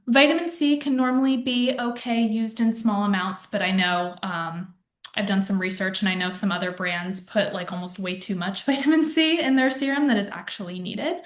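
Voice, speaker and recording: A woman's voice: medium pitch, moderate pace. A young adult woman from a skincare brand, giving casual skincare advice with lots of "um" and "you know". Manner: chatty, many fillers like um and you know. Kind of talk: casual informative talk. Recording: echoey room.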